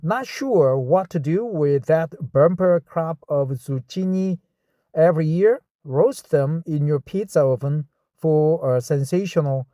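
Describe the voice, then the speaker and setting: A man's voice: fairly high pitch, warm tone, no echo. A man from Korea with a Korean accent reads a text aloud in English and stops to comment and practice words again and again. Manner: slow, repeats and practices words. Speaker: reader studying English.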